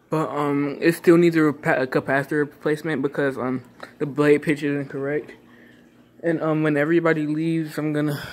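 A young man talking casually with many ums and restarts while filming a ceiling fan at home. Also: on the high side. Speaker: ceiling fan channel host. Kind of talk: casual vlog commentary.

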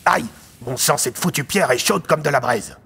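A gruff police commissioner with a gravelly, husky voice, played by a male narrator. He speaks bluntly and brusquely in a storybook audio drama. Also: a little high, animated, moderate pace, pushed and bright, pitched above the performer's own voice, heavily acted.

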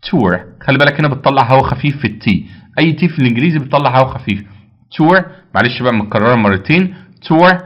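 A man's voice: medium pitch, expressive, racing, a bit bright, dull audio. Egyptian man teaching English vocabulary. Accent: Egyptian Arabic. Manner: drills words by repeating them, asks and answers his own questions. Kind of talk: vocabulary lesson.

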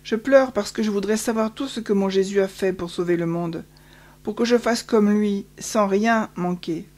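Une femme qui prête sa voix à une jeune bergère solitaire et pieuse, au ton plaintif et sincère. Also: female voice, mid-range voice, moderate pace, a little mellow, natural voice. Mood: plaintive. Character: lonely tearful young shepherd girl, pious and longing.

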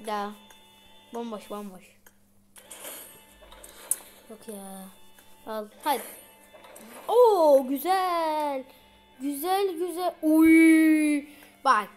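A woman giving casual gameplay commentary as a video creator, chatty and slangy, talking straight to her viewers. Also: high-pitched.

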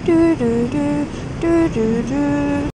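A woman's voice: high-pitched, drawn-out words, loud music behind the voice. A young woman, chatting casually and self-mockingly into her helmet camera as a motovlogger. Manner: giggly, self-mocking, switches between German and English. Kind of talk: casual helmet-cam vlog chat. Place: on a motorbike outdoors, then indoors in a garage. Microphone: helmet-mounted camera mic.

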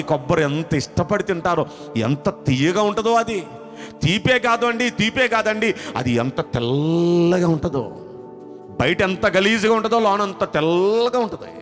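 A man preaching a sermon as pastor, impassioned and emphatic, swinging between loud outbursts and hushed lines and repeating phrases. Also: sits high. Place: live online church service.

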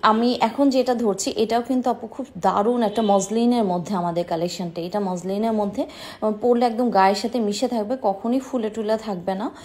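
A woman in her thirties with a medium-pitched, darkish voice runs a boutique and shows off dresses in a sales vlog from her small indoor shop. At a moderate pace, she's eager and persuasive, calling her viewers sisters.

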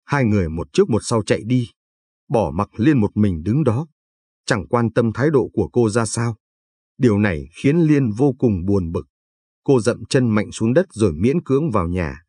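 A male storyteller reading a late-night tale in a calm, even manner. His voice sits low and comes out somewhat breathy. The sound is dry and close. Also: moderate pace, no echo.

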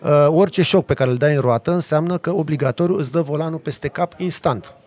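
A man, a podcast guest, telling a lively story in a casual chat with vivid sound effects. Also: a little high. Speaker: podcast guest, off-road driver.

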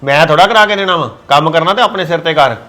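A stern, irritated elder brother, played by a man, scolding his younger sibling. He talks quickly and keeps his voice a little high for a man. His lines come out exasperated and impatient. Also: sharp tone. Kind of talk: scripted web drama acting.

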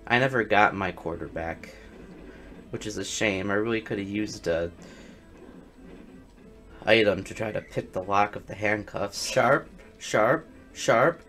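A man doing comedic gameplay commentary, deadpan one-liners that break into excited yelling. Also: lowish voice, a little slow, long pauses, soft background music.

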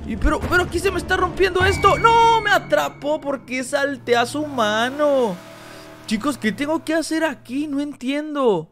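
A man with a strikingly high voice plays through a horror game and talks straight to his viewers. He reads the game's lines aloud in translation, and he yelps and repeats words whenever he gets scared. Soft music runs underneath him. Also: normal speed. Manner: addresses viewers as "chicos". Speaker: gaming YouTuber. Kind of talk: Let's Play commentary translating game dialogue.

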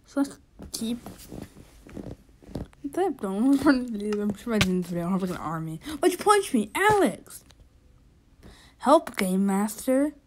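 A woman who makes gaming videos, giving casual, excitable commentary while she plays and breaking into sudden gasps and shouts. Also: medium pitch, normal speed, long pauses, slight background noise, low-quality recording. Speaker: gaming YouTuber.

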